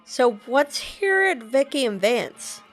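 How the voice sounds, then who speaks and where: A young woman voices her game character, asking questions hesitantly and filling gaps with fillers in casual voice-acting. Her voice is high and slow with big pitch swings, and soft music plays in the background.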